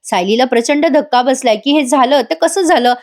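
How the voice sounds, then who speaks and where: A woman's voice: high voice, moderate pace. A woman doing a chatty voice-over recap of a TV serial, speaking directly to viewers. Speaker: TV serial reviewer.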